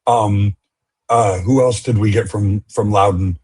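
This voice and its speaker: Laid-back guy co-hosting a soccer podcast, a bit raspy, cracks little jokes. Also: on the low side, fairly even intonation, a little slow, darkish tone. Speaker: podcast co-host. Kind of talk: casual sports chat.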